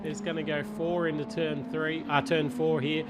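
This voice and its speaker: A man calls motor racing as a live commentator, his fairly high voice set against very loud car noise. His play-by-play is excitable and follows the action as it happens. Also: moderate pace. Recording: loud engine and trackside noise.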